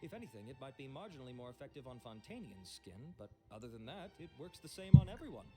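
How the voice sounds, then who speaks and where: A man's voice: medium pitch, big pitch swings, quick pace, mellow, soft background music, lightly acted. A man playing a suave skincare merchant. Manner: polished, gracious, salesman-like. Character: suave, courteous male skincare maker and merchant. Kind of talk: video game character dialogue. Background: game soundtrack.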